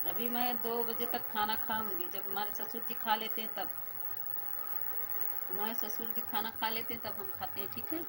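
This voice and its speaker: A woman's voice: a little high, fairly even intonation, moderate pace, heavy background noise. A woman in her thirties hosting a casual live stream, chatting with viewers and thanking them by name.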